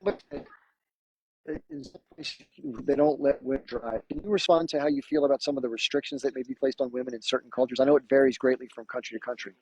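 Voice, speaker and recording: A man's voice: mid-range voice, fast talker, darkish tone, dry recording, low-quality recording. An American man hosting a live stream, asking rambling questions full of restarts. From United States. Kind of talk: casual live-stream conversation.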